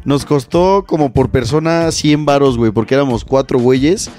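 A man's voice: mid-range voice, normal speed, dark tone, soft background music. A Mexican man co-hosting a comedy podcast, telling stories in slangy casual chat. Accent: Mexican Spanish. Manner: storytelling, slangy, keeps saying güey. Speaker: podcast co-host.

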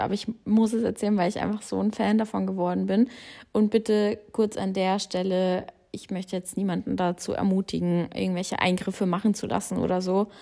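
A young podcast host with a mid-range, darkish voice chats on her own show, wandering off-topic with frequent fillers and English words dropped in. She was born in Australia and grew up in Germany.

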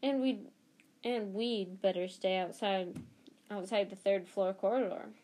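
Reading a children's novel aloud, a woman voices a determined, defiant teenage boy with urgent, intense delivery, lightly acted in storybook style. She stays near her own mid-range pitch, with a steady, darkish tone and an unhurried pace.

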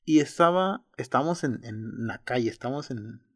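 A man with a Mexican Spanish accent in casual, slangy conversation, talking in animated bursts full of restarts. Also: medium pitch, moderate pace, dry recording, studio quality. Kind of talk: casual chat.

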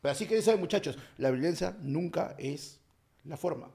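Lively Peruvian man telling a story. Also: on the high side, fairly quick, gravelly, reverberant. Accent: Peruvian Spanish. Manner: animated, slangy, acts out voices in his anecdotes. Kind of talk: casual comedic storytelling.

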